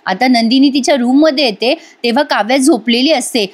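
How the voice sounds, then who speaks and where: A woman's voice: sits high, a little fast. A woman narrating a voice-over review of a TV serial episode, emotive and speaking directly to her viewers.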